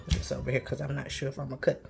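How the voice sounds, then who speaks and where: A woman's voice: a bass voice, flat delivery, rapid-fire, vocal fry. A middle-aged woman, chatting folksily through a casual cooking vlog in her home kitchen and calling viewers honey and child. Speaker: cooking vlogger. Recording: noisy room with chopping and clicks.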